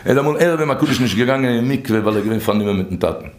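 A man telling stories from religious teachings in an informal, animated way, his voice leaping high and then dropping low. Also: racing. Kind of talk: informal storytelling talk. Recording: echoey room.

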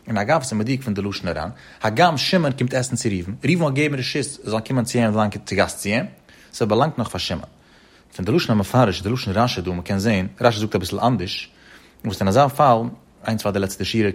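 A man giving a Talmud study lecture in a sing-song study-hall intonation, rising and dropping in pitch as he works through the text. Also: husky. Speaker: Talmud teacher.

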